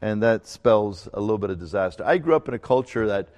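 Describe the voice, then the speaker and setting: A middle-aged male pastor who grew up in Ecuador, preaching a sermon in a conversational, halting way with fillers and restarts. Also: on the low side, lively intonation, a little mellow. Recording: long hall reverb.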